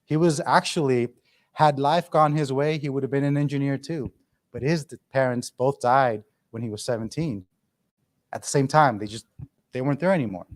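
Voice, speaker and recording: A man's voice: medium pitch, normal speed. A middle-aged man giving a candid, conversational talk to students at a university event, with many restarts. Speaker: guest speaker.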